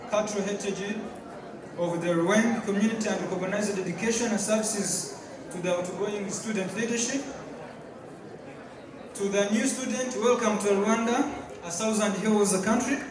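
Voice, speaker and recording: High-voiced man speaking in a hall. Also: steady tone. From Tanzania. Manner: halting, with fillers and repeated words. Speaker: guest speaker. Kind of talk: public speech. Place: large hall at a community event. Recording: echoey hall, distant mic, crowd. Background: crowd.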